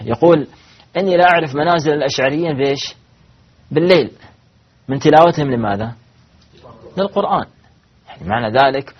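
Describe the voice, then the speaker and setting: A man's voice: mid-range voice, husky, highs cut off. A man teaching a religious lesson to students. He asks questions and answers them himself, and he often stops and restarts mid-phrase. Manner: halting, with repeated false starts. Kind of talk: lecture to students.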